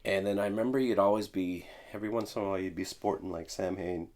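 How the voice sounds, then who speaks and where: Lowish guy hosting a record chat, laid back, laughs a lot. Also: fairly even intonation, quick pace, a little mellow. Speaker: podcast host. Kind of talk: casual chat about records.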